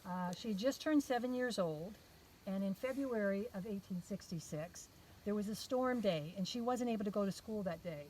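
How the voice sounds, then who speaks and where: A woman guiding a walking tour outdoors, telling stories in a measured, deliberate way. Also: mid-range voice, a little mellow, poor audio. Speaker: cemetery tour guide. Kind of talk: guided walking tour storytelling. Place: outdoors in a cemetery at night. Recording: outdoor recording with clear background noise, crickets.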